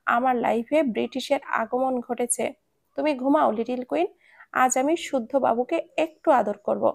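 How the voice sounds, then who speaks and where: A woman's voice: high voice, a little slow, vocal fry, exaggerated voice. A woman voicing an irritated, hot-tempered young man who scolds his friend. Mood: annoyed. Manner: annoyed, scolding.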